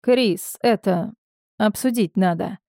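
A man's voice: sits high, slow pace, vocal fry, mellow, no echo, clean studio sound, full character voice. A woman voicing an irritated, dismissive young husband in an audiobook. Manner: curt, dismissive.

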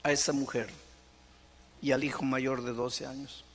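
A male pastor with a Latin American Spanish accent preaching a sermon, moving between loud, high appeals and soft, slow storytelling. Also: level tone, noisy background.

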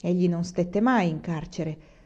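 A woman reading the part of a poor, proud widow of a bandit, who tells her story in a low, confiding tone. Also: unhurried, dark tone, lo-fi sound. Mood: brooding.

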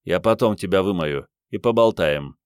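A man's voice: low-pitched, lively intonation, moderate pace, clear, resonant tone, no echo, clean studio sound. A man voicing a sheepish, flustered older department boss in an audiobook, meek and pleading. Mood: affectionate.

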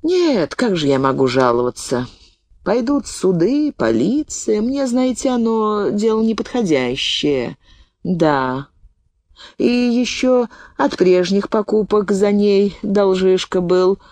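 A woman's voice: medium pitch, takes it slowly, dry recording. A woman reading an audiobook, voicing a shrewd, talkative old woman peddler who tells her tale in a folksy, indignant way. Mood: sheepish. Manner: folksy storytelling, lively and indignant.

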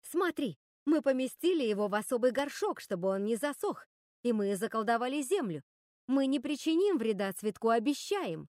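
A woman's voice: fairly high pitch, big pitch swings, normal speed, darkish tone, dry recording, studio quality. A woman voicing a nervous witch sister who pleads and apologizes. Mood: pleading. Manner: anxious, pleading.

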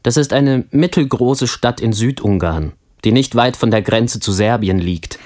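A friendly young family man in a language course, played by a man answers his classmate's questions in a scripted textbook dialogue. His voice is mid-pitched, and his delivery is calm and clear. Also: a little slow, lightly acted. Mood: friendly, relaxed.

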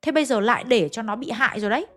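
A woman's voice: fairly high pitch, racing, a bit bright, faint music behind. A woman voicing a stern old male village shaman who scolds bluntly. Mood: scolding.

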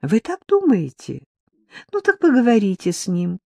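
Picture a sharp-tongued woman blackmailer purring sugary threats down a phone line, as an audiobook reader puts her on. The pitch swoops up and down constantly, and her sweetness drips with mockery. The sound is dry and close, with no room at all. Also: huge pitch swings, normal speed, gravelly, dry recording, heavily acted. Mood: honeyed mocking. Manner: sugary and mocking, then barking orders. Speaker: character in an audiobook. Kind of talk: audiobook character reading.

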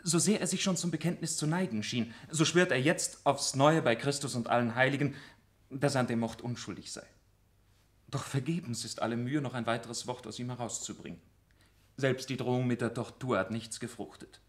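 Radio play role: persuasive male police officer played by an actor, medium pitch, courtly, earnest, emphatic. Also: a little fast, close to an everyday voice. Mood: urgent persuasion. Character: formal, urgently persuasive police lieutenant. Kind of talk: German literary radio drama.

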